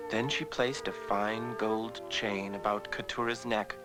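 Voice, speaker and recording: A man narrating a scripted fairy tale as a measured storyteller. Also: lowish voice, fairly even intonation, music in the background, poor audio.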